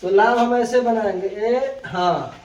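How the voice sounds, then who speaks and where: Taking it slowly at a medium pitch, an Urdu teacher leads a lesson, asking questions again and again and repeating answers to make sure the class follows. The lo-fi recording sounds dull, distant, and roomy, with heavy noise.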